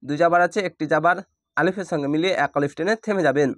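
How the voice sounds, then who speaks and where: A man teaching Quran reading, spelling each letter and vowel mark and then drawing out the joined syllables in a slow lesson. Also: on the high side, no echo, clean studio sound.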